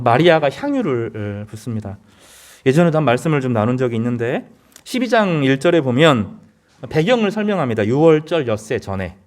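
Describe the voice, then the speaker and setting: A man preaching a sermon as pastor, earnest, with rising emphasis and frequent hesitation fillers. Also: on the high side.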